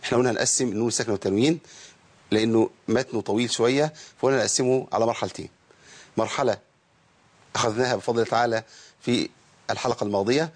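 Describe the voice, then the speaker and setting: A man with an Egyptian accent teaching Quranic recitation rules, explaining casually and chanting verse text slowly. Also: mid-range voice. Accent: Egyptian Arabic. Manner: switches between colloquial explanation and slow melodic chanting.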